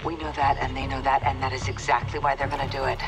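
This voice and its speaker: An actress playing a serious, resolute intelligence station chief in a military game, speaking firmly and directly. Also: female voice, rumbling low, little pitch movement, fast, over loud music. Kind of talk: military game briefing dialogue.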